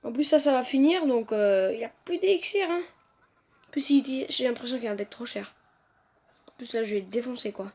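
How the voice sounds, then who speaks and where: High-pitched excitable woman gamer. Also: fairly quick. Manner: excitable, swings from muttering to shouting, playful trash talk. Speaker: mobile gamer commenting on own play. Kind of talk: casual live gameplay commentary. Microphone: phone mic via screen recorder.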